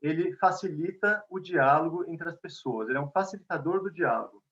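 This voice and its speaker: An invited speaker, a conflict mediator from Bahia, Brazil, gives an online lecture with a São Paulo Portuguese accent. His fairly high voice moves at a mellow, unhurried pace, warm and sprinkled with "né" and "tá" tags. It comes through a video call, so the audio is dull and lo-fi.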